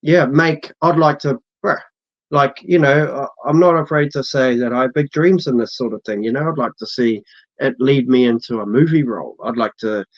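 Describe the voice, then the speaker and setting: A man's voice: medium pitch, normal speed. Laid-back kiwi guy, broad accent, slangy casual chat, kinda dull lo-fi sound. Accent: broad New Zealand. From New Zealand. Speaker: interview guest, social media creator. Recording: dull, muffled lo-fi audio.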